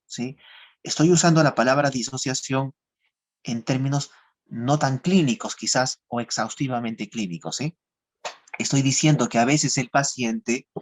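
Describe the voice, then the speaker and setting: A man teaching an online psychotherapy class, explaining step by step, repeating key phrases and often checking in with listeners. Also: mid-range voice. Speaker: psychotherapy lecturer. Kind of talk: online class lecture with role-played examples. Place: home or office, seated for a webcam.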